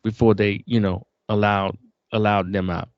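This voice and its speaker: A man's voice: on the low side, level tone, moderate pace, no echo, muffled recording. A man co-hosting a casual discussion, talking emphatically and building to heated peaks. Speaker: podcast co-host.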